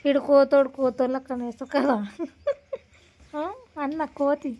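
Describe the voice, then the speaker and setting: A woman's voice: high voice, flat delivery, normal speed, warm tone, lo-fi sound. A woman, a mother, talking casually with her young daughter at home, coaxing and scolding. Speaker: mother and vlogger.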